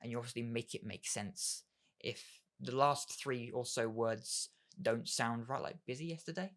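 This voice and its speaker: A man talks through communication tips in a loose, unscripted way, leaning on filler words and circling back over his points. His voice sits at a plain middle pitch for a man. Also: little pitch movement, a little slow. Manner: rambling, leans on "obviously" and "kind of"; acts out sample dialogue in a brighter voice. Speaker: communication skills presenter. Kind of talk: casual explainer talk.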